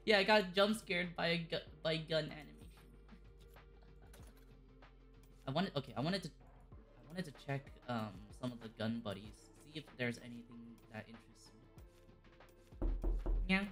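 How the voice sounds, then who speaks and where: A woman chatting casually on a game livestream in a giggly, easily excited manner. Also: low-pitched, unhurried, pauses often, faint music behind. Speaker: livestreamer playing a shooter game.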